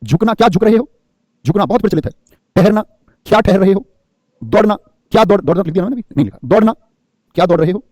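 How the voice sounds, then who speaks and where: A man's voice: high-pitched, lively intonation, fast talker, long pauses, dark tone, no echo, studio quality. A man teaching grammar in a classroom lecture, firing rhetorical questions and playing the students' answers himself, often calling his listeners friend.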